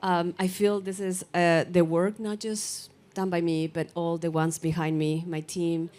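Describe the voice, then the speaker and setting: A woman's voice: fairly low pitch, flat delivery, unhurried, darkish tone. A woman giving an earnest acceptance speech while losing her voice, with some fillers. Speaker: award recipient.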